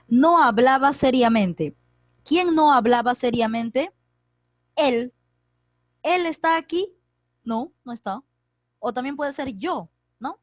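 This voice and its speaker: A woman's voice: on the high side, dry recording. A woman teacher running an online class for young secondary pupils, calling on students by name and asking and answering her own questions as she explains grammar. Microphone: computer mic on a video call.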